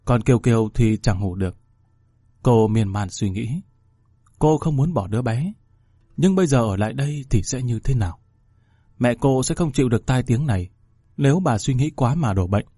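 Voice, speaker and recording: A man narrating a dramatic story in a steady, measured reading. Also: medium pitch, husky, no echo, clean studio sound.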